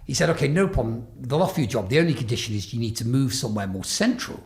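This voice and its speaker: A podcast host in his forties conducts a casual conversational interview, telling rambling anecdotes with many restarts in an expressive, racing, mid-range voice with a darkish tone. Raised in Scotland and England, he has a faint Glaswegian accent that's mostly faded after a Stoke-on-Trent upbringing.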